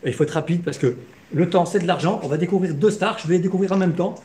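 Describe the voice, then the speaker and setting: A man giving a live infomercial sales pitch as a car dealership presenter, with emphatic hard-sell patter that repeats key figures. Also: fast talker. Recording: clear background noise on location.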